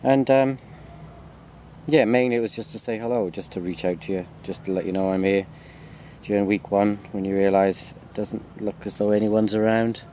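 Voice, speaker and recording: Faint insect and cricket sounds hint at an outdoor recording as a university lecturer rambles to his students on a walking video chat. His voice is low and dark with fairly even intonation at normal speed, and his manner is conversational and self-deprecating.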